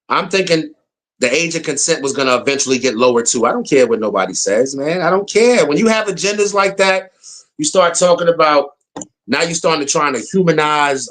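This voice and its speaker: Slightly high and a bit bright, this American man's voice carries a casual political rant. He's a commentator who speaks bluntly with plenty of slang and hammers his points by repeating them.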